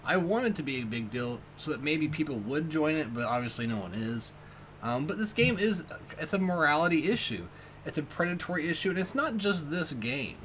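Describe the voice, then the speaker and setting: Man, higher lively voice, earnest agreeable co-host, faint background noise. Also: fairly quick, low-quality recording. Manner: agreeable, earnest, hesitant with ums. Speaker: podcast co-host. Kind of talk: casual gaming podcast chat.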